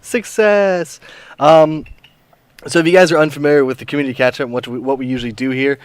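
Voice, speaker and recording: A man with a sore, hoarse throat hosting a casual livestream chat, playful and joking, with many ums and restarts. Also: on the high side, steady tone, brisk. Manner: playful, joking, lots of ums and self-interruptions. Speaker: assistant community manager, stream host.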